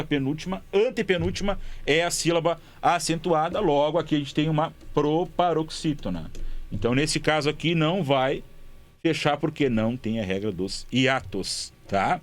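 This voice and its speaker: Male teacher, patient board walkthrough, repeats key words, checks in often. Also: a little high. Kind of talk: explaining grammar exercises at a board.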